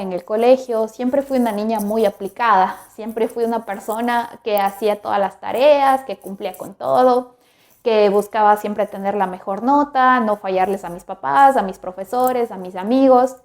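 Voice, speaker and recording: Higher-voiced woman podcaster. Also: moderate pace. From Ecuador. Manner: reflective and candid, warm direct address to listener. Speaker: podcast host. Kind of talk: personal storytelling monologue.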